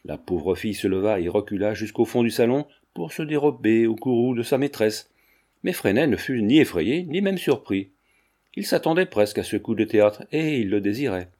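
A man narrating a classic novel in a measured, even storytelling manner. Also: on the low side. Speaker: audiobook narrator. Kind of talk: scripted literary narration.

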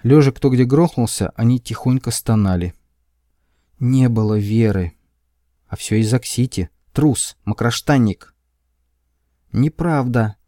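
A male narrator reads a comic science-fiction story in a wry, expressive first-person voice. His tone is dark and mellow, and it is recorded close and dry. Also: medium pitch, unhurried, dry recording. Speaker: audiobook narrator.

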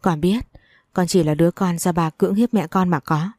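A woman's voice: fairly low pitch, moderate pace, a little mellow, dry recording, clean studio sound, close to an everyday voice. A woman reading as a tearful pleading daughter. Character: tearful young woman pleading with her father.

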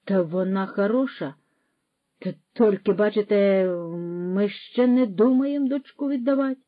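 A woman's voice: medium pitch, measured pace, no room sound, narrow, tinny audio, natural voice. Woman doing a curt old shopkeeper. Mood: dismissive. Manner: curt, dismissive, mixes in Russian words. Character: stubborn older male village shopkeeper, quick to anger.

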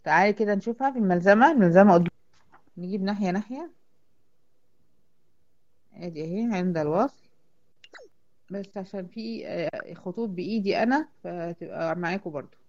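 A woman with an Egyptian accent teaching Quran recitation, explaining step by step, asking questions and answering them herself, slowing right down to sound out words. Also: mid-range voice, darkish tone. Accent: Egyptian Arabic. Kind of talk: online tajweed lesson. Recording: dull lo-fi audio.

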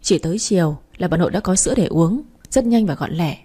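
A woman narrates a first-person story in a lively storytelling manner. Her voice is mellow and warm, with a slight husky breathiness. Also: on the low side, fairly quick.

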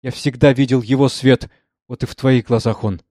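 A man's voice: mid-range voice, fairly even intonation, normal speed, darkish tone, dry recording, studio quality, close to an everyday voice. A man reading the part of a tormented, impassioned man who trembles as he pleads. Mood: fervent. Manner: fervent, trembling.

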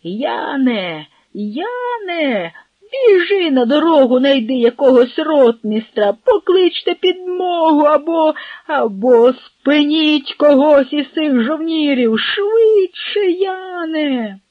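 A narrator voicing a frightened noble military commander who hisses urgent orders. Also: male voice, very high voice, very animated, takes it slowly, no echo, dull audio, voice pushed up, heavily acted. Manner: hissing, urgent. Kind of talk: audiobook narration.

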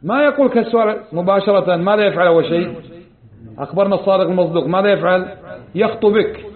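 Man, religious lesson, high voice, asks the audience questions, tinny lo-fi sound. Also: quick pace. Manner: quizzes the audience with rhetorical questions, conversational. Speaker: religious teacher. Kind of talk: Islamic creed lesson. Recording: tinny lo-fi lecture recording.

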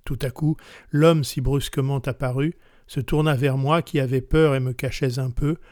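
A man's voice: medium pitch, steady tone, normal speed, darkish tone, no echo, studio quality. Man reading literature solemnly. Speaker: narrator.

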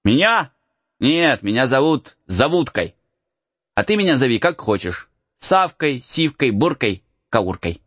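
A man's voice: medium pitch, big pitch swings, measured pace, fairly bright tone, no echo, dull audio, pitched above the performer's own voice. A man voicing a cheeky runaway boy from the woods who teases and cackles in a raised voice. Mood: teasing. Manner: teasing, cackling, folksy. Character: mocking cheeky forest boy, laughing runaway.

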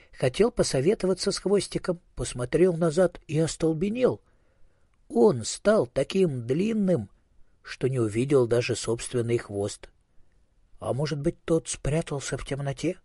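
A man narrating a storybook in a calm, measured way. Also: medium pitch, husky, dry recording, clean studio sound.

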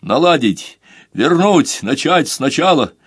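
A man playing a frightened, bitter drinker who speaks nervously and slowly. The sound is close and dry. It is a storybook audiobook. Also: a little high, big pitch swings, husky, no echo, voice pushed up, full character voice. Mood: anxious. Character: shaken, frightened middle-aged drinker.

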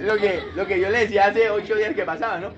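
A man pastor preaching a sermon in a lively, humorous way, full of rhetorical questions. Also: sits high, fast, dull audio, crowd noise, background noise.

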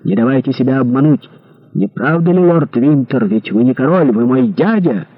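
A man voicing a vengeful young cavalry leader who shouts and taunts coldly. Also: medium pitch, lively intonation, moderate pace, husky, narrow, tinny audio. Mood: taunting.

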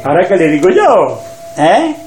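A man's voice: high-pitched, huge pitch swings, moderate pace, a little mellow, a little hiss or hum. A man voicing a shy, poor male devotee muttering his worries to himself. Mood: worried. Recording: roomy echo.

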